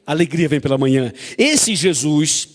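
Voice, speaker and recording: High-voiced preacher in a hall. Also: male voice, expressive, measured pace. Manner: emphatic, repetitive, asks the congregation questions. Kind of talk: sermon.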